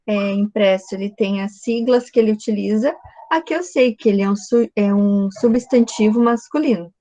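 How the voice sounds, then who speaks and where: A woman's voice: a little high, a little mellow, muffled recording. A woman teaching a recorded video lesson, explaining step by step and often checking in with the class.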